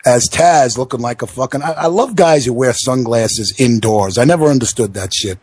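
A man's voice: medium pitch, normal speed, darkish tone, slightly rough, dry recording. A man hosting a wrestling radio show with casual live commentary and blunt talk. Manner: blunt, freely swearing.

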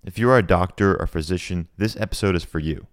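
Male podcast host with a deep voice and a dry, close sound; upbeat and conversational. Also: fast, no room sound. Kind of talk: podcast interview.

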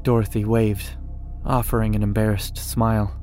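A man giving a measured first-person scripted horror narration. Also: fairly low pitch, flat delivery, a little mellow, faint music behind.

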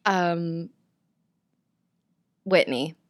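A woman's voice: on the low side, drawn-out words, clear, resonant tone. A young woman, a Broadway actress, chatting as a guest, giggly and hesitant with many ums. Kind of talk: casual interview chat.

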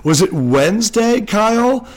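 A man's voice: high-pitched, animated, unhurried. A man hosting a sports podcast, recorded under a blanket, talking in a chatty, joking way and a little nervous about his sound. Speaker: podcast host. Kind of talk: casual sports podcast chat. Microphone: home microphone under a blanket.

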